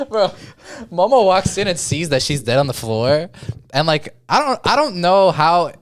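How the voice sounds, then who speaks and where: Animated young man telling a story. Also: on the high side, normal speed, no echo. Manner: animated storytelling, laughing, mimicking shouts. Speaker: podcast co-host. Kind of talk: casual chat.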